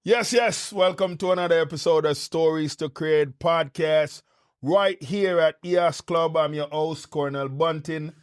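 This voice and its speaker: A man hosting a casual podcast interview, enthusiastic with animated interjections. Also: a little high, unhurried. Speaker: podcast host.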